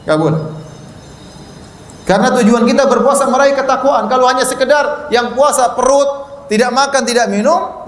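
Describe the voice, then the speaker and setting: A male preacher giving an animated sermon, swinging from loud exhortation to quiet asides and joking, and chanting scripture slowly. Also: high-pitched, slight background noise. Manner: recites Arabic scripture in a slow chant. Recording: echoey hall with long reverb.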